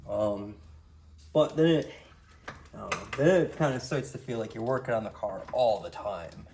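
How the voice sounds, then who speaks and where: A man giving a casual how-to walkthrough while working on a car engine, explaining each step in a plain, low-key way. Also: normal speed, darkish tone, slight background noise. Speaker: DIY car repair presenter.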